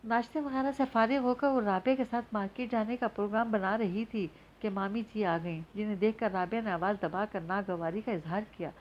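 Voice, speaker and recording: A woman narrating a novel aloud in a steady storytelling voice. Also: mid-range voice, fairly quick, hardly any pauses, muffled recording. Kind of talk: audiobook novel reading.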